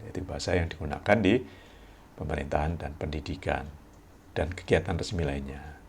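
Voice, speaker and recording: A man giving a recorded university lecture, explaining slowly with frequent tag words and pausing to read examples aloud. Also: sits low, vocal fry, darkish tone, slight background noise. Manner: explains slowly with many "ya" tags and reads examples aloud with deliberate pauses.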